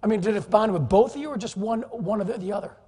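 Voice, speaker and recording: Male keynote speaker, high and husky voice, jokey and animated, echoing conference hall. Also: quick pace. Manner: animated, jokey, teases the audience. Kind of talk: energetic, humorous business presentation. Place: large conference hall, live audience.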